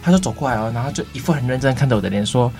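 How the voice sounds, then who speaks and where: A man's voice: mid-range voice, rapid-fire, vocal fry, soft background music. A young man with a Taiwanese Mandarin accent, co-hosting a campus radio show and telling stories by acting out the customers. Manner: animated storytelling, acting out customers. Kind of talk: casual chat.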